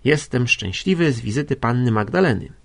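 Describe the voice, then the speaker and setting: Audiobook: male reader as a subdued, hesitant gentleman, gravelly, near his own voice. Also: medium pitch, expressive, brisk. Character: meek, hesitant middle-aged gentleman brother. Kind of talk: audiobook character reading.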